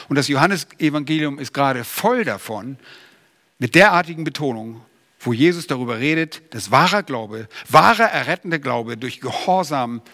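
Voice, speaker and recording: A man delivers an emphatic sermon in a fairly high, ringing, forceful voice. He presses his listeners with rhetorical questions. His words carry a long reverb, as if recorded in a large hall. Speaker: preacher.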